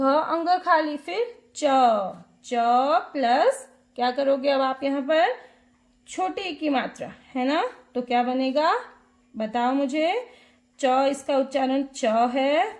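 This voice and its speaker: A young woman teacher with a high, bright voice talks to small children at an unhurried pace. She asks the same simple questions again and again in a patient, sing-song way. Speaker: kindergarten teacher. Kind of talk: online Hindi alphabet lesson for small children.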